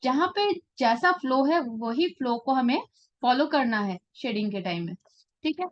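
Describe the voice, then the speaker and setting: A woman's voice: high-pitched, expressive, moderate pace, muffled recording. A woman teaching a live portrait-drawing class, explaining patiently and often checking that her students follow. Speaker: art teacher.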